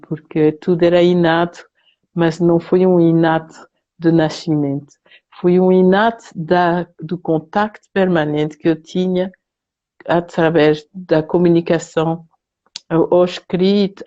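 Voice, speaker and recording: An older woman from France, a guest on a live video interview, recalling her story slowly and with hesitations. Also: on the low side, warm tone, lo-fi sound. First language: French. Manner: slow, hesitant and reflective. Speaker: guest therapist.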